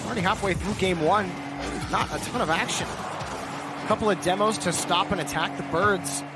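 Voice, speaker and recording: A man's voice: high-pitched, a little fast, loud music behind the voice. A man doing esports play-by-play commentary as a caster, calling the action in clipped phrases.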